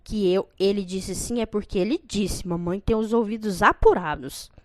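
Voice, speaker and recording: A woman's voice: mid-range voice, moderate pace, no echo, studio quality, close to an everyday voice. A woman voicing a loyal daughter who speaks earnestly and insistently.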